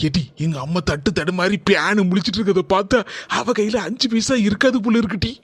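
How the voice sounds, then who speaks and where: A man's voice: high-pitched, brisk, dry recording, clean studio sound. A man with a Kanyakumari Tamil accent voicing an easily led young husband in a cartoon, in a pleading, coaxing manner.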